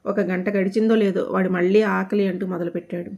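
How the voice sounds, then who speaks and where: A woman's voice: medium pitch, little pitch movement, fairly quick, darkish tone, muffled recording. A woman reading a family story aloud as scripted narration, giving the characters' lines small lifts in her voice.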